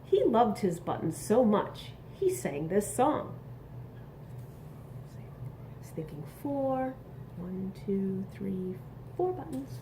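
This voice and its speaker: A woman reads a picture book aloud to young children in an expressive, instructive way, stopping to ask questions and make asides. Her voice is medium in pitch, with slight background noise behind her.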